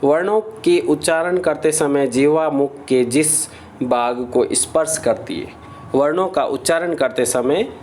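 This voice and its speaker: A man's voice: mid-range voice, a little mellow, slight background noise. A man teaching a grammar lesson, reciting lists of letters in a drilling rhythm and answering his own questions.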